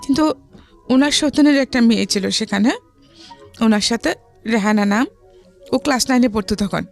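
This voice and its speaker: Speaking as an interview guest, a woman with a Bangladeshi accent shares a personal story in a conversational way. Her high, creaky voice moves at a normal speed over soft background music.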